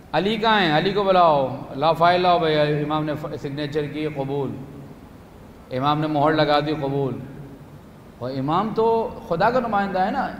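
A man preaching to a gathering, animated, acting out little scenes and asking the audience questions, rising loud and dropping soft. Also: fairly high pitch. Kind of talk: religious talk to young people at a retreat. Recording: echoey hall with faint room noise.

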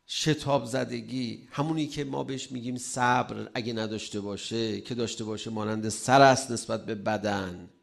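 A male preacher gives a sermon in a gravelly, creaky voice of middling pitch. He swings from loud, pressing emphasis to quiet asides and peppers the talk with rhetorical questions and humor. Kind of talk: religious sermon.

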